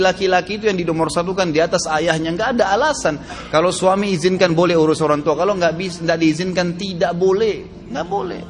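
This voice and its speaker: A man preaching an Islamic sermon, forceful and emphatic, often asking rhetorical questions. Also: high-pitched. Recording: hall reverb with faint music behind.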